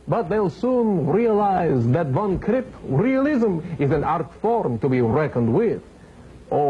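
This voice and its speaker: A man playing a pompous old vampire baron as a campy horror host, theatrical and mock-sinister, delivering puns. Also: fairly high pitch. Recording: dull, hissy vintage 1970s TV tape.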